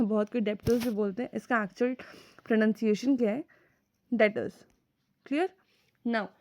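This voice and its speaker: Lady teacher doing an accounts lecture online, bit high voice, keeps asking clear?. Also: darkish tone. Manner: explains step by step, often checks with "clear?" and "ठीक है"; mixes English terms into Hindi speech.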